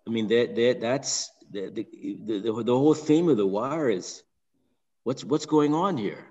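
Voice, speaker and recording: An older man with a Barbadian accent from Barbados, calling in with a long, halting comment full of restarts and repeated words. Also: medium pitch, animated, warm tone, dull audio. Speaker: caller. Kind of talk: call-in question. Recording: long reverb.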